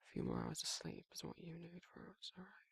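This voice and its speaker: In an ASMR audio roleplay, a man plays a down-to-earth werewolf boyfriend, gentle, caring, protective and fond, giving a full character voice. His voice is slightly high for a man yet very husky, breathy, gravelly and heavily creaky, often dropping to a whisper in a casual, colloquial, intimate murmur with soft chuckles. His pitch swoops wildly, the pace is brisk, and the studio-quality recording has no room sound.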